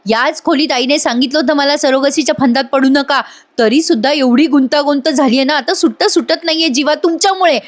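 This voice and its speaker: A woman's voice: sits high, brisk, natural voice. A woman voicing a young wife who pleads urgently with her husband while retelling a TV serial. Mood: pleading.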